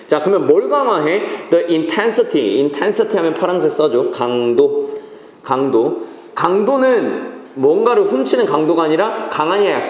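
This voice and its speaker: Slightly high and a bit mellow, a man's voice leads an English reading lesson, repeating key phrases and checking on his students. The lecture is recorded with echoey classroom reverb.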